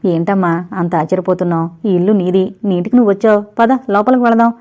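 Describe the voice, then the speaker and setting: A woman doing a gentle motherly mother-in-law. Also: mid-range voice, fairly even intonation, quick pace, natural voice. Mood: affectionate. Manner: gentle, soothing. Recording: dull lo-fi recording.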